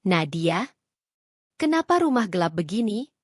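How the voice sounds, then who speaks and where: A woman's voice: medium pitch, sing-song, unhurried, no room sound, clean studio sound. A woman voicing a scheming husband who is exposed and turns angry and menacing in a read-aloud story. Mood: tense. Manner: shouting, menacing.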